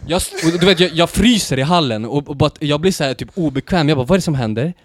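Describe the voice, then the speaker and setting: A man co-hosting a casual podcast, telling an anecdote in an animated way that builds to loud excitement. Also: a little high. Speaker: podcast co-host. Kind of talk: casual storytelling.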